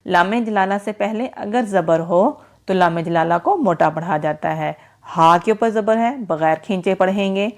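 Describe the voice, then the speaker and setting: A woman teaching recitation as a step-by-step lesson. She explains each rule in plain, steady speech and then chants the verse slowly and drawn out. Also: mid-range voice.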